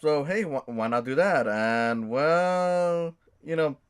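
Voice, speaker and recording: A man's voice: a little high, expressive, takes it slowly, smooth. A young man talking in a casual personal monologue, rambling and hesitant, with many fillers and restarts. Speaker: video creator.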